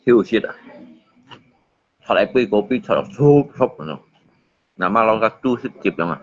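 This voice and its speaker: Animated bantering man, muffled recording. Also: fairly low pitch, moderate pace. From Indonesia. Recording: slightly muffled with faint ambience.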